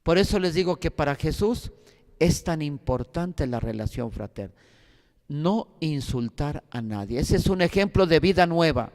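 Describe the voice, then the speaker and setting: Sacerdote mexicano dando clase bíblica, voz algo aguda y rasposa, tono exhortativo, sala con eco largo. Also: male voice, fairly high pitch, lively intonation, moderate pace, a little mellow, long reverb tail. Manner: earnest, exhortative, anecdotal. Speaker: priest teaching a Bible course. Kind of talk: Bible class lecture.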